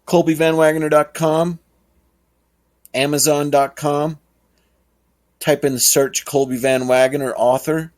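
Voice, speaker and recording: A man's voice: fairly high pitch, flat delivery. A man hosting a podcast, talking casually in a rambling, chuckling way. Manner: rambling, chuckling, slow and drawn out. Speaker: podcast host. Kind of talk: casual monologue.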